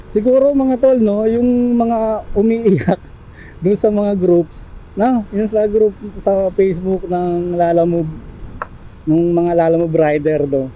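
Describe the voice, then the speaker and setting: High-voiced, dark-toned chatty man. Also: lo-fi sound, a little hiss or hum. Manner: chatty, laughs often, keeps adding tag questions; apologetic, joking asides. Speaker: delivery rider vlogger. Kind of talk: casual chat to viewers.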